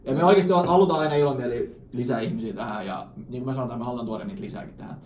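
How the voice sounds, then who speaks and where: A man's voice: medium pitch, a little mellow, recorded from a distance, slight background noise. Rambling, laughing man in an echoey room. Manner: rambling, laughs often, mixes in English phrases. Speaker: podcast co-host. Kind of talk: casual podcast chat. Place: office.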